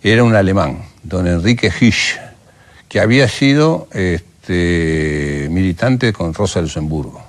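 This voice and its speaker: A man's voice: deep voice, unhurried. An older man with an Argentine Rioplatense accent, recounting his memories in a documentary interview and acting out remembered conversations as he talks. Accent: Argentine Rioplatense Spanish. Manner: animated storyteller who acts out remembered dialogue.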